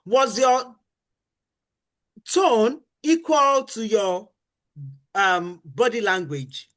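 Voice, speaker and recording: Very slowly, a middle-aged woman with a fairly high voice delivers earnest, emphatic marriage teaching on a faith-based talk show. She keeps circling back to her key phrases and dramatizes the complaints of husbands and wives.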